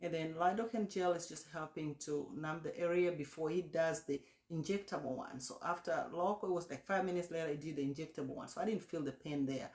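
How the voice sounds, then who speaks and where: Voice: medium pitch, fairly quick, hardly any pauses, a little mellow. Casual vlogger in an echoey room. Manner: repetitive explaining, addressing the viewer directly. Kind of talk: casual first-person vlog recounting an experience with practical tips. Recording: roomy, echoey sound.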